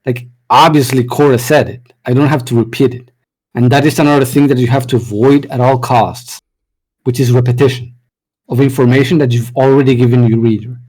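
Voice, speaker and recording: A man's voice: medium pitch, fairly even intonation, a little fast, a little mellow, poor audio. A man talking casually on a voice call about writing, rambling and correcting himself as he goes. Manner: rambling, many fillers and restarts, self-correcting. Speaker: writing advice speaker. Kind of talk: casual conversational talk.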